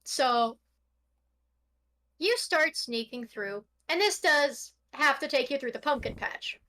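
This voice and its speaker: Bright high-voiced woman as game master. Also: expressive. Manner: eating while narrating, slow descriptive narration. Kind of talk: narrating a tabletop game.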